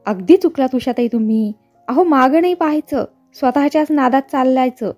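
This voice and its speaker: A bossy film director barks orders and curses at his crew, loud and short-fused, as a woman narrator puts him on. The voice is high for a man and husky, with soft background music. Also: a little fast. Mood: yelling angrily. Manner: shouting, scolding. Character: hot-tempered middle-aged male film director.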